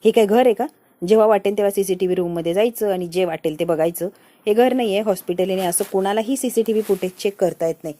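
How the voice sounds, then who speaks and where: A woman puts on a stern, bossy hospital nurse who barks out her orders. The voice sits a little high and comes fast and loud, with a dark, mellow tone under the sharpness. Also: natural voice. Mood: scolding.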